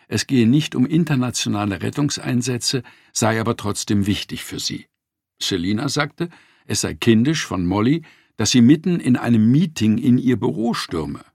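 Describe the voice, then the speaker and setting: A man narrating a nonfiction audiobook in a measured, expressive reading, close to the mic. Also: mid-range voice, vocal fry, no echo.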